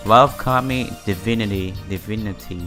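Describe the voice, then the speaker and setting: Game music sits under the voice of a man speaking at a normal speed in a fairly low pitch. He's a let's player working through a visual novel, reading its text out loud with loose commentary and fumbling some words.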